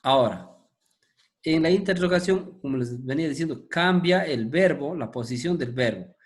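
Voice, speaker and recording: A man's voice: a little high, animated, moderate pace. A man teaching English grammar to a class, patient and methodical, checking in with his students as he goes.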